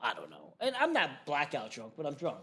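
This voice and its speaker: A young adult man, a guest comedian on a podcast, telling a rowdy story in a casual, animated way, swearing freely and yelling when he acts out quotes. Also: mid-range voice, a little fast, slightly rough. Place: podcast studio.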